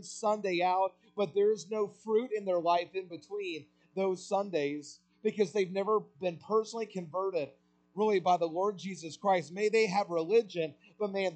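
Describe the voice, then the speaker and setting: A man preaching a sermon with passion, asking rhetorical questions and swelling louder on key points. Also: sits high, rough recording.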